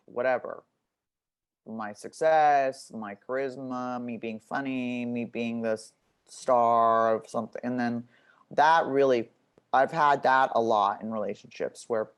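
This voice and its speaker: A woman with a deep voice chatting candidly, in a brash, sweary, storytelling manner. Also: smooth. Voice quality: deep voice, often mistaken for a man's. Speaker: podcast guest. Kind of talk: candid casual chat.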